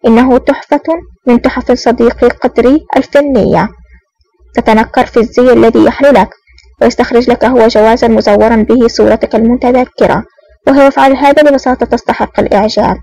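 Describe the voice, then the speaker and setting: A woman's voice: fairly high pitch, fairly even intonation, a little fast, creaky, mellow, no echo, rough recording. A woman reading a sardonic hero spy. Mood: mocking. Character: cool, sardonic male intelligence officer in disguise.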